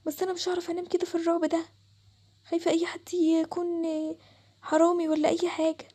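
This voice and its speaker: A woman's voice: very high-pitched, completely flat delivery, fast, mellow. A woman voicing a frightened young girl named Jamila in a cartoon, anxious and insistent, with an Egyptian accent. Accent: Egyptian Arabic. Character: frightened young girl hearing voices at night.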